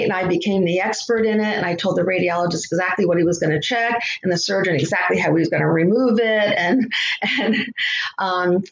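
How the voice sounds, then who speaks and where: Middle-aged woman with a heavy echo. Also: lowish voice. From Connecticut. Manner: reflective and heartfelt, with many pauses. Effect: heavy echo around the voice. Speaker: interview guest, realtor. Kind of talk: personal story in a podcast interview. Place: echoey room. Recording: echoey room, faint noise.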